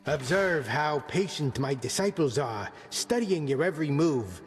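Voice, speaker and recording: A man's voice: a little high, lively intonation, a little slow, big-room sound, faint music behind. An actor playing a boastful, theatrical male combat trainer in a video game. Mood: grandiose. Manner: grandiose, theatrical.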